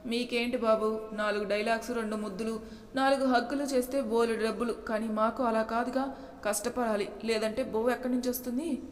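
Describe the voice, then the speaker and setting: A woman's voice: fairly high pitch, steady tone, brisk, slight background noise, natural voice. A woman voicing a feisty young wife who answers back boldly, in a storybook reading. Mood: cheeky. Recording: echoey room with long reverb.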